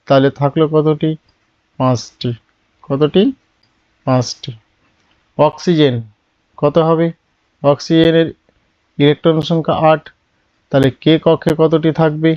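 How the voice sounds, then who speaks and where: A man teaching a lesson at a patient, step-by-step pace, posing questions and then dropping his voice to give the answers. His voice is fairly high and smooth. The sound is dry and a little muffled. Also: level tone, a little slow, long pauses, darkish tone, no room sound. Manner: asks questions and answers them himself, drops his voice on answers. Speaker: chemistry teacher. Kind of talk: classroom lesson.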